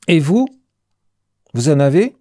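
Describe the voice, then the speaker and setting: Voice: mid-range voice, big pitch swings, slow, mellow, no echo, studio quality. A reader voicing a brutal, foul-mouthed male army sergeant who bellows his orders and spits out each syllable, in an audiobook. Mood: raging. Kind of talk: audiobook character voice.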